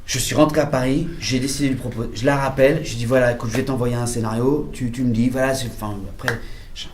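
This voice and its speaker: A man directing a film, telling animated anecdotes at a press conference, mimicking voices and laughing often. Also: mid-range voice, fast, reverberant.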